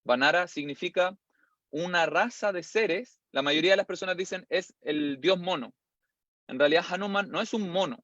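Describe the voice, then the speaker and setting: A man leads a class and tells its stories with animated, playful energy. His voice sits a little high for a man. The recording is dry and slightly dull, lo-fi. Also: a little fast, no room sound. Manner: animated, playful storyteller who acts out scenes. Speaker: teacher. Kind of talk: lively storytelling lesson.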